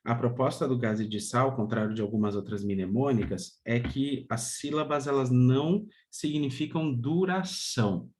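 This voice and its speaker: A man from Brazil leads an online music theory lesson at an easy, patient pace, checking in with his students now and then. He explains each step and chants short rhythm syllables to show the beat. His speaking voice sits at an ordinary middle pitch. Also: darkish tone. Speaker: music teacher.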